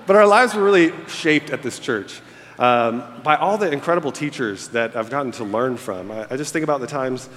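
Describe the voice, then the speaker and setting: A man in his thirties, Egyptian by birth and American by upbringing, delivers a farewell talk as a church staff member from the auditorium stage. His mid-range voice is expressive, brisk and a little bright, and his storytelling is frank and self-mocking, sprinkled with fillers. There's slight background noise, a large hall's long reverb, and the audience laughing.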